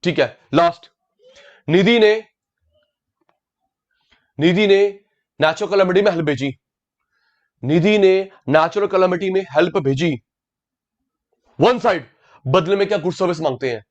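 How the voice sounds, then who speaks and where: A man's voice: high-pitched, a little slow, pauses often, lo-fi sound. A man teaching an online class, calling on students by name, repeating key words and mixing English terms into his talk. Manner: mixes English terms into Hindi.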